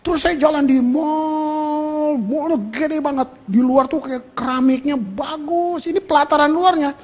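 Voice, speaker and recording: A man's voice: extremely high pitch, fairly even intonation, measured pace, darkish tone. A male pastor preaching a sermon in a colloquial storytelling manner, speaking directly to the congregation.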